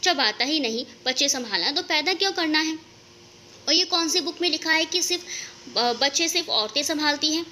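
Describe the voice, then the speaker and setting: Woman doing a teasing young man, storybook reading, bright tone, faint background noise. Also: high-pitched, animated, normal speed. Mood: sarcastic. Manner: playful, teasing.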